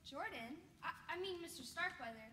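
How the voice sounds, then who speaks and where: A woman's voice: high-pitched, expressive, brisk, bright, forceful tone. A woman acting a timid, lovesick young maid on stage, hesitant and flustered. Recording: echoey stage recording with faint hiss.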